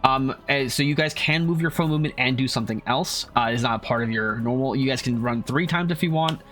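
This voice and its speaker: Halting male game master. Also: medium pitch, a bit bright, soft background music. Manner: halting, many fillers and restarts. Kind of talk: narrating a homebrew tabletop game.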